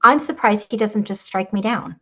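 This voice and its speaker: A woman sharing her faith story in a candid, rambling way, full of fillers and laughter. Her voice has a gravelly edge and sits mid-range. The audio is slightly dull and lo-fi. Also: mid-range voice, moderate pace. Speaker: podcast guest. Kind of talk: faith testimony conversation.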